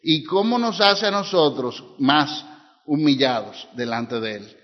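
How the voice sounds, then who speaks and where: A man preaching a sermon who reads scripture aloud and then unpacks it with lively rhetorical questions. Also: fairly high pitch, a little slow, lo-fi sound. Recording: long hall reverb.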